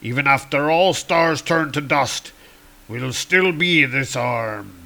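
A man doing a gruff broken-speech dwarf. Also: medium pitch, takes it slowly, pushed and bright, exaggerated voice. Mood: proud gruff. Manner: broken grammar, speaks of himself in third person. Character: small gruff male dwarf smith.

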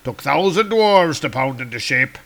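A man doing a gruff broken-speech dwarf. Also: mid-range voice, animated, moderate pace, a bit bright. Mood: proud gruff. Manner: broken grammar, speaks of himself in third person. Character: small gruff male dwarf smith.

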